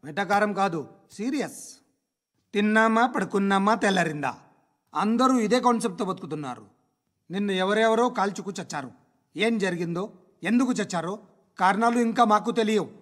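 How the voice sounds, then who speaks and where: A man's voice: high voice, lively intonation, fairly quick, a bit bright. An actor playing a sardonic man who lectures a room of journalists in a sarcastic, scolding tone. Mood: mocking. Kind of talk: film dialogue.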